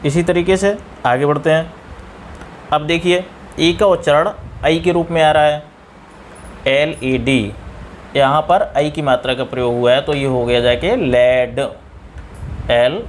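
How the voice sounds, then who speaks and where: Indian man, slow letter-by-letter English teacher, slightly raised pitch. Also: slight background noise. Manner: slow, spells words out letter by letter. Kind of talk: spoken English pronunciation lesson.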